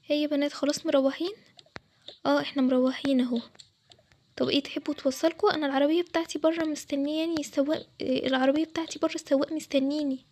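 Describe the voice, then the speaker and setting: This is a bragging schoolgirl with an Egyptian Arabic accent, voiced by a woman. She speaks fast and high in a role-play drama voice-over. Her manner stays showy and pleading. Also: little pitch movement, close to an everyday voice. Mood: boastful. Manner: show-off, then pleading and soft. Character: boastful schoolgirl pretending to be rich.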